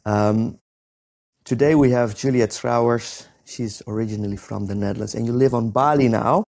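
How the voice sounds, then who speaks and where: A man hosting an interview show, talking in a halting way with many ums and restarts. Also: mid-range voice, vocal fry, darkish tone. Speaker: podcast host. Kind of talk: conversational interview.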